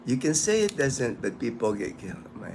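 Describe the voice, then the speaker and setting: Out in the sun, a man in his fifties hosts a casual livestream, reading comments and chatting with viewers as he rambles and restarts often. His voice is medium-pitched and sing-song at a moderate pace, set against heavy background noise.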